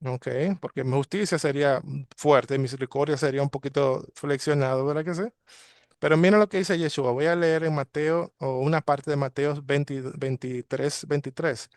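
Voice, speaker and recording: A man's voice: a little high, fairly even intonation, normal speed, darkish tone, smooth, no room sound, clean studio sound. A man teaching a daily Torah study, talking with many fillers and restarts. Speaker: congregation teacher.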